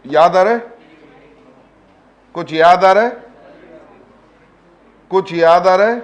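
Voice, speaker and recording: A man with a high-pitched voice teaches a live online class slowly, quizzing students with repeated questions. He coaxes them and addresses them affectionately, on lo-fi audio.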